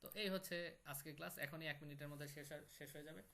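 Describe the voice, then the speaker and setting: A man teaching a class with a bright, slightly high voice. He explains each point patiently and says the key terms twice so they stick. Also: steady tone, very fast, gravelly. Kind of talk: online class lecture on poetry.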